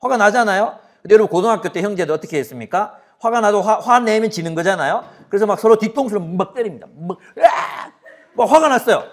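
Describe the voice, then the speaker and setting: A man's voice: high voice, quick pace, hardly any pauses. A man in his forties preaching a sermon as a pastor, asking the audience questions and acting out everyday quarrels. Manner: animated, asks the audience questions, acts out quarrels.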